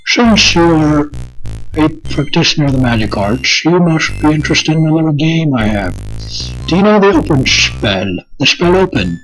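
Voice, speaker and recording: A man voicing an eccentric old male wizard who reads his lines slowly and theatrically, over faint game music. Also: on the high side, big pitch swings, a bit bright, low-quality recording. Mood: grandly inviting.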